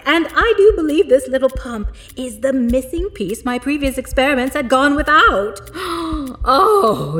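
A woman voicing an ancient, demented female mad scientist who cackles and swings between whispers and loud outbursts. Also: fairly high pitch. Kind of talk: audio drama acting.

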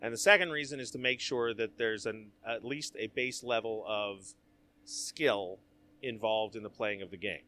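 A man hosting a postgame chat, telling stories and joking in an animated way. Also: lowish voice, moderate pace. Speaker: host. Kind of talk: casual chat.

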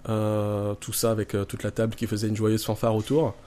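A man's voice: lowish voice, monotone, a little fast, warm tone. A man with a Marseille French accent, talking casually as an interview guest with dry, tongue-in-cheek humour. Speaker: guest, poker player.

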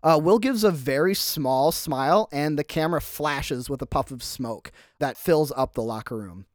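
A man's voice: on the high side, normal speed, dry recording, clean studio sound. A man narrating a tabletop game as game master, casual with many fillers.

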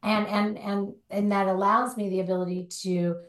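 A woman's voice: medium pitch, little pitch movement, normal speed, fairly bright tone, reverberant. A woman speaking as a guest in an interview, explaining her ideas in long run-on thoughts and often adding a "right?" to check in. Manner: talks in long run-on thoughts with many rhetorical "right?" tags. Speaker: guest, recovery life coach. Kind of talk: conversational interview. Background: dog barking at times.

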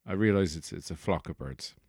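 A man's voice: deep voice, brisk, darkish tone, slightly rough, no echo, clean studio sound. Rambling, jokey podcast man. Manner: rambling, jokey, profane tangents. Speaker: podcast host. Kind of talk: comedic solo podcast monologue.

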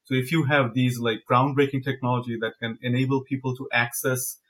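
A man's voice: medium pitch, flat delivery, fairly quick, a bit bright. A young man from Bangladesh, a guest researcher talking casually in an interview, hesitant and full of fillers and restarts. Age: young adult.

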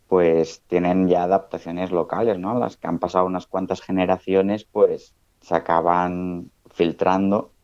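A man's voice: sits low, darkish tone, dry recording. A man in his thirties, a researcher, talking things through on a podcast, often ending phrases with a questioning tag. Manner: thoughtful, many "¿no?" tags. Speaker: guest researcher. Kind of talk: casual podcast conversation. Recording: dull, dry lo-fi sound.

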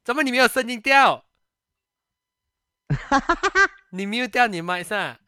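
Playful high-voiced host. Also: male voice, sing-song, slow, bright, forceful tone, clean tone, no echo, clean studio sound. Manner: playful, teasing. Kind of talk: casual interview on a call.

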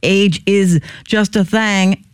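A woman's voice: medium pitch, fairly even intonation, slow, clear, resonant tone, no echo, studio quality. A middle-aged woman hosting a casual, conversational interview. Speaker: interview host.

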